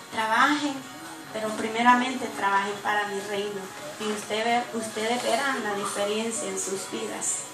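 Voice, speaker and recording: A woman pastor with a high voice preaches a heartfelt sermon, rising to loud declarations and then dropping to hushed, tender passages. Her voice is recorded from a distance in an echoey church sanctuary. Music plays clearly underneath. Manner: impassioned preaching, swinging between loud and hushed. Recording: echoey church hall, mic from afar, music behind.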